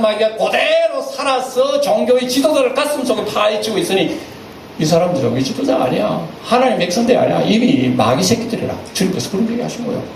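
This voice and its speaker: A male pastor with a Gyeongsang accent preaching a sermon, emphatic, swinging between loud exclamations and low asides. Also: vocal fry. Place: church sanctuary. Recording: echoey church hall, distant mic, faint hiss.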